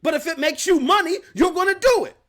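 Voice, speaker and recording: A man's voice: extremely high pitch, quick pace, a bit bright. A man hosting a live gaming news stream, ranting emphatically with slang and rhetorical questions.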